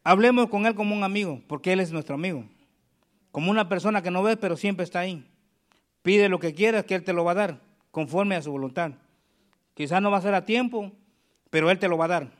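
A man preaching a sermon, reading scripture aloud slowly and calling the congregation for amens. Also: high-pitched.

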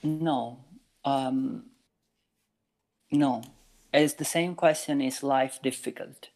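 Answering interview questions casually, this man in his forties, a meditation teacher and flute maker, speaks slowly in a steady, darkish tone at a plain pitch. He's thoughtful, reaches for everyday examples, and frequently restarts.

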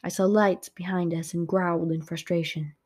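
A woman narrating a first-person adventure audiobook in a lively, expressive way. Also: on the low side, moderate pace.

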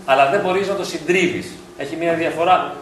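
A man's voice: fairly high pitch, fairly bright tone, distant mic. Man lecturing in an echoey hall. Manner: reflective, asks rhetorical questions. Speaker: psychologist. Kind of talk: lecture at a parent event. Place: school hall. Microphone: distant from the mic.

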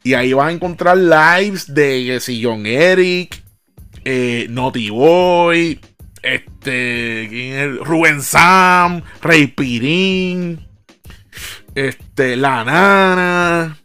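A young man with a Puerto Rican accent telling a casual, slang-heavy story as a podcast host, acting out what people said and laughing along. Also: a little high. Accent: Puerto Rican Spanish. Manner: slangy, animated storyteller who mimics dialogue and laughs.

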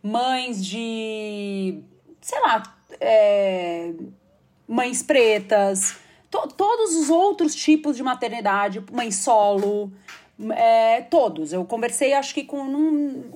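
A Brazilian actress and comedian in an interview, telling stories in a lively way and jumping her pitch up when she quotes other people. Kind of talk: conversational storytelling interview.

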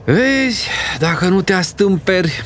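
A man's voice: high voice, animated, fairly bright tone, slight background noise, voice pushed up. Man doing a fretful scolding young mother.

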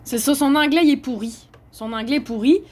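At a homeless shelter, a Québécois woman who works as a journalist rambles in an indignant, heated casual monologue, full of "là" and "tu sais". Her voice is high-pitched and brisk, with a darkish tone.

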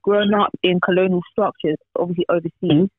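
A man's voice: sits high, fairly even intonation, fairly quick, dry recording. A man on a podcast, musing at length with lots of fillers. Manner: thoughtful, rambling, many fillers. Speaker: podcast co-host. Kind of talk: casual chat. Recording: tinny phone-like remote call.

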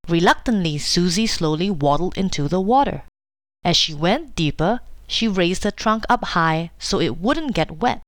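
A woman reads a children's story aloud with gentle, lively expression, her voice rising and falling freely. The sound is close and dry. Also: on the low side, measured pace, no room sound.

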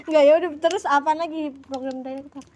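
A woman's voice: sits high, fairly even intonation, fast talker, darkish tone, slight background noise. A young woman co-hosting a casual podcast chat, playful and joking in slangy banter, throwing in mouth sound effects. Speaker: podcast co-host.

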